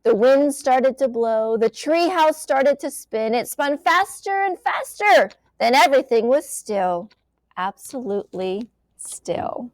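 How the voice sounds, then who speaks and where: A woman reads a children's book aloud in an expressive storytelling style, moving between plain narration and lively character voices. Her voice is high and slow, with no room sound.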